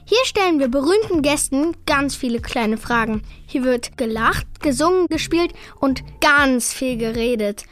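A woman's voice: high-pitched, lively intonation, a little slow, few pauses, fairly bright tone. A woman reading an upbeat scripted intro for a podcast. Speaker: podcast announcer.

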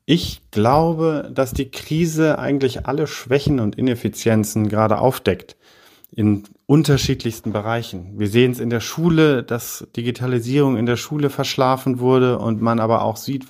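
A middle-aged man from Heidelberg speaks as a podcast guest, with a voice of ordinary pitch for a man. He talks in a measured, thoughtful way and often pauses on fillers while he gathers his thoughts. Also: steady tone, a little mellow. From Heidelberg, Germany. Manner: measured, hesitant with frequent fillers. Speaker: podcast guest, business consultant. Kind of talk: podcast interview.

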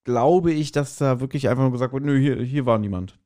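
A man with a German accent co-hosts a podcast, chatting casually about an audio drama and often hesitating as he searches for words. His voice is medium-pitched and mellow, and he speaks briskly.

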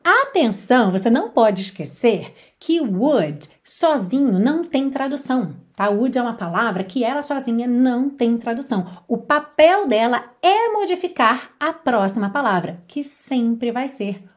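Brief: Brazilian Portuguese woman, English teacher, higher voice with a very animated melody, patient drilling. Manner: explains patiently, drills English phrases slowly and clearly. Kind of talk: English lesson for Portuguese speakers.

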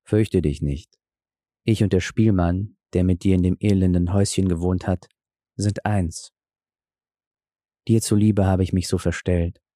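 A man voicing a stern beggar husband who is secretly a king, gruff and commanding. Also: on the low side, animated, normal speed, a little mellow, no echo, clean studio sound, lightly acted. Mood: gentle.

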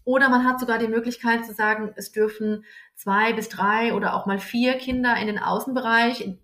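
A woman's voice: a little high, fairly even intonation, fairly quick, fairly bright tone. A woman guest, a kindergarten teacher, explaining things practically with everyday examples. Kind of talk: casual conversation. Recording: echoey room.

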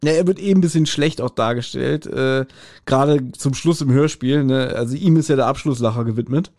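Speaking briskly with a medium pitch and a slightly mellow quality, a man hosts a podcast where he reviews audio dramas. His talk is a relaxed chat, full of informally retold stories.

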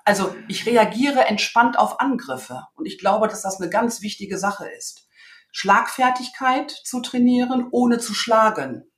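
A woman's voice: on the high side, unhurried, echoey room. A woman, a communication trainer, talking casually and self-assuredly in an interview, acting out little dialogues from her anecdotes.

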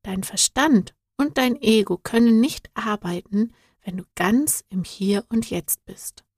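A patient, wise guide figure from a children's storybook, speaking slowly and soothingly, his words often dropping to a soft whisper, as a woman reader voices him. The sound is dry and close, with no room around it. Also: mid-range voice, slightly rough, no echo, heavily acted. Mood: gentle, soothing. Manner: calm, soothing, at times whispered. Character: gentle wise male guide, patient teacher.

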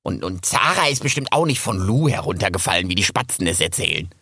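A man's voice: deep voice, fast talker, gravelly, husky, no room sound, clean studio sound, exaggerated voice. A man doing a chatty cheerful squirrel. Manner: lively, chatty, persuasive. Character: chatty young male squirrel, bossy, cheerful.

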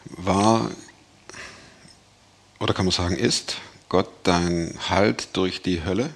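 Gravelly-voiced male interviewer. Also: deep voice, slow pace. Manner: relaxed, joking questioner. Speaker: host. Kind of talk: casual interview.

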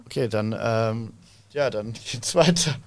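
A man running a tabletop game as game master, talking in a halting way with many fillers. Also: dry recording. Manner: hesitant, many fillers, jumps into high shouted character voices.

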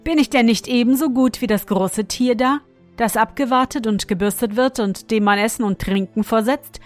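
A woman voicing a haughty, easily offended male dung beetle in a storybook tale, quick and indignant. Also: a little high, close to an everyday voice. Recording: faint music behind.

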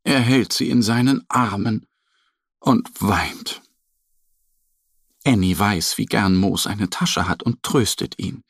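A man narrating a children's story in a very expressive, sing-song storytelling manner. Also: lowish voice, takes it slowly, pauses often, husky, no echo, studio quality.

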